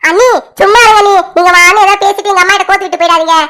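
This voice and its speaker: A woman's voice: very high-pitched, fairly even intonation, rapid-fire, sharp tone. Woman doing an evasive young daughter.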